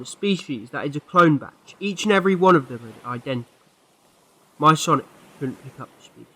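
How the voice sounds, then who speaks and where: Man playing bright, excitable eccentric time-traveller, the Doctor. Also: on the high side, rough recording. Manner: theatrical, exclamatory, wordy. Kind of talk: fan audio drama acting.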